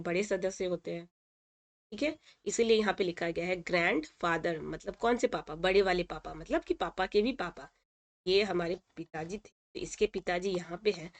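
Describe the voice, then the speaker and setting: Patient woman teacher explaining a lesson. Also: mid-range voice. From India. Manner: patient, repeats words and says "ठीक है" often. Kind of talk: explaining a textbook lesson in Hindi.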